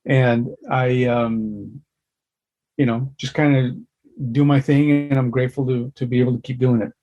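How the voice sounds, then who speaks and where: A man's voice: mid-range voice, fairly even intonation, moderate pace, mellow, lo-fi sound. A middle-aged man from Los Angeles, a concept artist guest in a casual interview, animatedly retelling a story and voicing his character's thoughts. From Los Angeles, USA.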